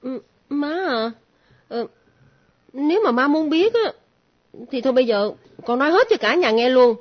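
A woman's voice: sits high, lively intonation, normal speed. A coy, teasing young daughter, played by a woman. The sound is muffled and lo-fi. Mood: hesitant. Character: playful young daughter with a secret. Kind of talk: comic stage play acting. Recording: muffled lo-fi recording.

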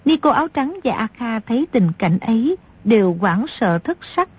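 A woman reading scripted narration as an audiobook narrator, telling the story at a steady pace, in a slightly dull recording. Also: on the high side, moderate pace, breathy edge.

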